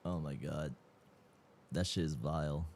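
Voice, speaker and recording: A man's voice: rumbling low, measured pace, darkish tone, slight background noise. A man in his mid twenties, chatting casually as a livestream host, slangy and swearing freely, sounding tired. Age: 20s. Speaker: streamer.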